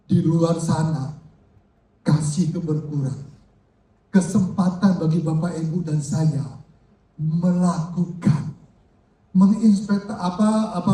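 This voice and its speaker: An older man preaches to his congregation in a lively, joking way. His voice sits high but has a mellow, dark tone. The sound is roomy and echoey, picked up from a distance in a church hall. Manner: lively, jokes with the congregation and calls out to them. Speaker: pastor. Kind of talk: sermon. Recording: echoey hall, mic from far off.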